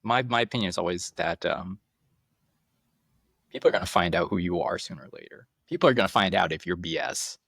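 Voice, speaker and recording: A man's voice: on the low side, fairly bright tone, dry recording, studio quality. A man guesting on a podcast, talking candidly and playfully about marketing with frequent laughter. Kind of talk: casual interview chat.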